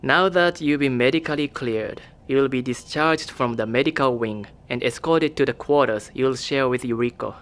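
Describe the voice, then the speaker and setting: Lightly acted and medium in pitch, a man voices a calm, evasive government official for an audio drama. His delivery is cool, formal, and carefully measured.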